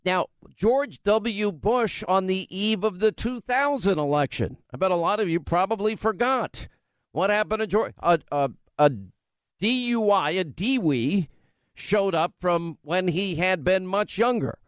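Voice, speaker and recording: A man's voice: sits high, expressive, a little slow, clear, resonant tone, dry recording. A man from New York with a New York accent, hosting a political talk radio show in an emphatic, conversational way full of rambling asides.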